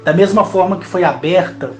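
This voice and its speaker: A man's voice: high-pitched, normal speed, roomy sound, over music, rough recording. A man talking earnestly to his viewers in a rambling monologue, often checking in with little tag questions. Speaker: channel host speaking on spiritual and alien contact.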